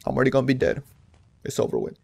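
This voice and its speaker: A man hosting a reaction video, giving casual commentary in an animated, slangy, ranting way. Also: mid-range voice, racing, creaky.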